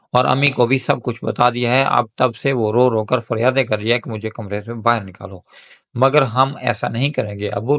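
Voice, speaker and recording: In this spoken story, a young married woman begs her sister for help, her words pleading and urgent, as a man reads her lines. The voice sits at an ordinary middle pitch. It stays close to the reader's own voice. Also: creaky, fairly bright tone, no echo.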